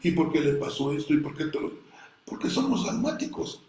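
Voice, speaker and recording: A man with a Mexican accent preaches a fervent sermon, his fairly high voice surging loud and then falling to hushed asides. He keeps turning to his listeners as "brother". The sound rings through an echoey church hall. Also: very animated, a little fast. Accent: Mexican Spanish. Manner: impassioned preaching, swinging between loud bursts and soft asides; addresses listeners as "hermano". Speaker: pastor.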